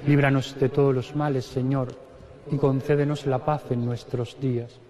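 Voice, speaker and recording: A middle-aged man from Spain, a priest slowly and solemnly reciting the prayers of the Mass at the altar. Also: medium pitch, level tone, mellow. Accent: Spanish (Spain). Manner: slow solemn liturgical recitation, parts chanted. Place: large stone cathedral. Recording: long cathedral reverb.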